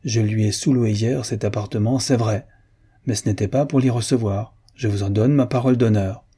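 A man reading aloud who voices a suave, mocking gentleman, curt but courteous. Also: lowish voice, steady tone, normal speed, slightly rough. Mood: cool, cutting. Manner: cutting yet courteous.

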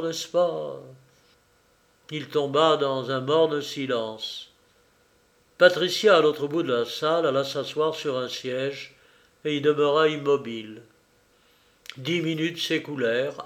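A man reading a novel aloud as the narrator, in measured, even storytelling. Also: fairly high pitch. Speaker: audiobook reader.

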